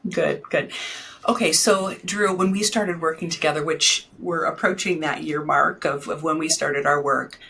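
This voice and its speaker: A woman's voice: low-pitched, moderate pace, vocal fry, bright, forceful tone, husky. A woman hosting a podcast, talking with enthusiasm and frequent ums as she introduces and interviews a guest. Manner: enthusiastic, many ums and restarts. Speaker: podcast host and fundraising consultant.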